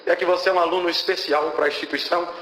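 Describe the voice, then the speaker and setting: A man's voice: fairly high pitch, fairly even intonation, quick pace, sharp tone. A young Brazilian man giving a fervent testimony at a church service, breaking off often to praise God. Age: young adult. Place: church hall. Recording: echoey church hall with faint ambience.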